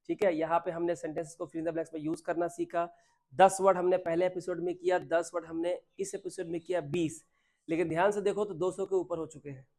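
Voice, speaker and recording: A man's voice: high voice, darkish tone. Man teaching vocabulary, quizzing students. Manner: quizzing, checks understanding often; mixes English terms into Hindi speech. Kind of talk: classroom vocabulary lesson.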